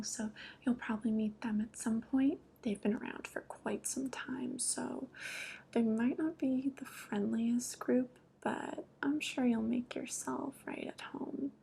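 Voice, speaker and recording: A woman voicing a flirty, teasing female devil in a soft, breathy ASMR role-play, with a casual, coy manner. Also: a little high, a little hiss or hum.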